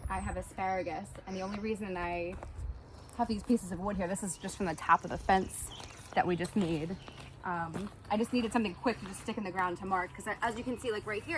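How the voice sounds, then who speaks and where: Woman rambling through a garden tour, medium pitch, easygoing, little bit of background hiss. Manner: chatty, loose with "like" and "um" fillers. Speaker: homesteader giving a garden tour. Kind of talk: casual garden walkthrough. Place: outdoor garden.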